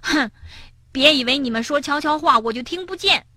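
A woman voicing a timid young male frog who often speaks in a hushed, whispering way in a children's storybook. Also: high-pitched, brisk, no room sound, studio quality, pitched above the performer's own voice. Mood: annoyed.

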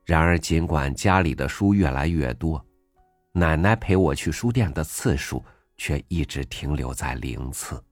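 A man with an extremely deep, low voice reads a first-person essay in a gentle, reflective manner. His voice is close and dry, recorded on a studio mic. Soft music plays faintly behind him. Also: animated, measured pace, no room sound. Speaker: audiobook host reading an essay. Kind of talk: scripted narration.

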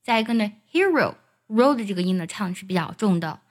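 A woman teaching an English song, explaining each line and singing it slowly as a demonstration. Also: mid-range voice, animated. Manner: explains pronunciation, then sings demo phrases.

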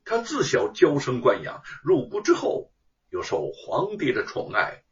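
A man's voice: mid-range voice, wildly swooping pitch, unhurried. A man telling a traditional story in a dramatic, sing-song narration. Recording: dull recording from far off.

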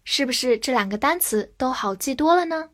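A woman teaching English vocabulary who spells each word letter by letter and reads the example sentences slowly. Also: high-pitched, lively intonation, fairly bright tone. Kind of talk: vocabulary lesson.

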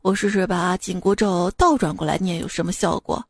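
Tang Seng, a woman doing a calm lowered monk. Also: a little fast, breathy edge, no room sound. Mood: deadpan. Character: calm male monk master, gently teasing.

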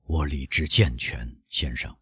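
A man voicing a broken middle-aged male prosecutor who speaks in a low, choked, halting voice. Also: lively intonation, breathy edge, no room sound, studio quality, heavily acted.

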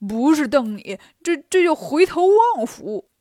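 A woman's voice: sits high, big pitch swings, a little slow, dark tone, dry recording, clean studio sound. A woman voicing a greedy, cheeky male pig monk in a storybook, drawling his teasing jokes.

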